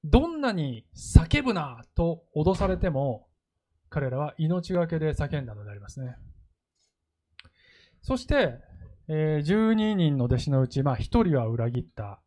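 Guy preaching a sermon, kinda high voice, really lively up and down, acts out the quotes. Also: measured pace. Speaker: pastor.

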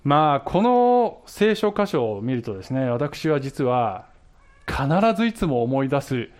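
Lively-pitched male preacher. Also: a little slow. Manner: animated, laughs while telling stories. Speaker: pastor. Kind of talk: sermon with a comic personal story.

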